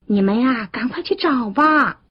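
A calm, smiling mother turtle from a storybook, easygoing and slow, as a woman plays her. Breathy tone, muffled recording. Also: a little high, heavily acted. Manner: easygoing, kind.

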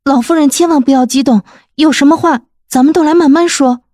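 A woman voicing a polite young maid who speaks gently and respectfully to an old lady. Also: sits high, normal speed, no echo, clean studio sound, voice pushed up. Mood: polite earnest. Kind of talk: audiobook character voice.

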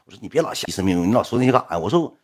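A young man with a Northeastern Mandarin accent races through a story for an audience in a lowish, sing-song voice. He's blunt and colloquial, swears now and then, and voices both sides of the dialogue.

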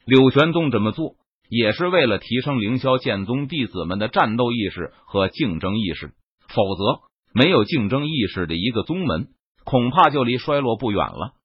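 Man reading a fantasy web novel, husky timbre, dry booth. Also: mid-range voice, animated, normal speed, no room sound, dull audio. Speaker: audiobook narrator. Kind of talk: web novel audiobook narration.

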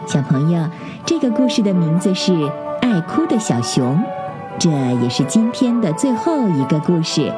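A woman's voice: fairly low pitch, big pitch swings, moderate pace, music in the background. Sing-song woman telling a bedtime story. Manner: gentle, sing-song, addresses children. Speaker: children's storyteller, host.

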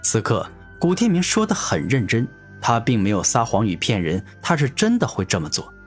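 A man's voice: medium pitch, huge pitch swings, normal speed, soft background music. Dramatic male audiobook narrator. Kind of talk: web novel audiobook narration.

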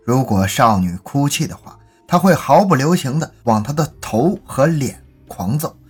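Husky man narrating grave crime stories. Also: mid-range voice. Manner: measured, grave storytelling. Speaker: storytelling podcast host. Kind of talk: true-crime story narration.

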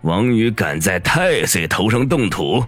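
Guy doing a smug lecherous young thug boss, drawls slow, voice swoops up and down. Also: on the low side, sing-song, fairly bright tone, breathy edge, faint music behind, pitched above the performer's own voice, exaggerated voice. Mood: gloating. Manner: sneering, gloating, menacing chuckles. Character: arrogant lecherous young male gang boss. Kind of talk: audiobook character voice.

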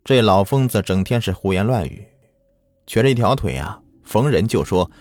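A man's voice: lowish voice, lively intonation, moderate pace, a little mellow, no echo, studio quality. A man narrating a folk ghost story in a dramatic, lilting storytelling manner.

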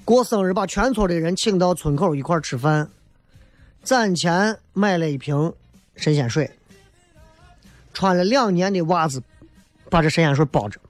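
A man's voice: fairly high pitch, normal speed, long pauses, no echo, faint music behind. A man hosting a talk show, giving a casual comedic monologue in a colloquial, emphatic way, often tossing in rhetorical questions.

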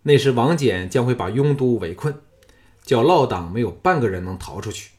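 A man voicing a young, proud and scheming king who is uneasy before his general, speaking in a raised, forceful voice in an audiobook. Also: medium pitch, lively intonation, moderate pace, close to an everyday voice.

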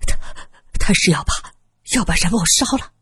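A woman's voice: mid-range voice, animated, normal speed, husky, no echo. A woman doing a panicky stammering young man. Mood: shaken. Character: frightened young male film star.

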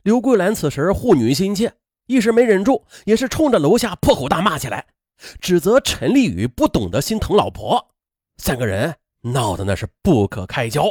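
A man telling a spoken story, colloquial and lively, with drawn-out interjections. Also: sits high, dry recording, studio quality.

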